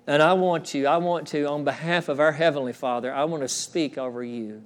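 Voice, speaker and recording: A middle-aged pastor delivers an earnest sermon to his congregation in a church. His voice sits a little high for a man, and he often repeats his phrases. He drops to a soft, slow hush whenever he speaks the quoted words. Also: fairly even intonation. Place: church sanctuary.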